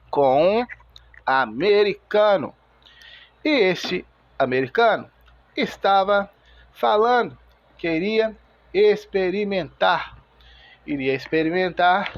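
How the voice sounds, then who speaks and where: Slow, methodical man teaching a lesson. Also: sits high, dry recording, dull audio. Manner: slow, methodical, spells out sounds word by word. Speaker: English teacher. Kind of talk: video lesson explanation.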